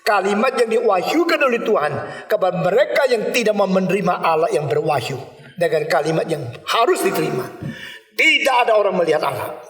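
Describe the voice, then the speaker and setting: A male pastor preaching a sermon, animated and emphatic, now and then mixing in English words. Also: high voice, fairly quick. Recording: echoey hall from a distance.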